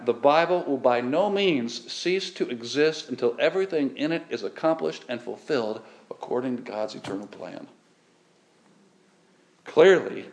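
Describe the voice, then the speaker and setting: A middle-aged man preaching a sermon, emphatic, swelling on key words and then dropping low. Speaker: pastor.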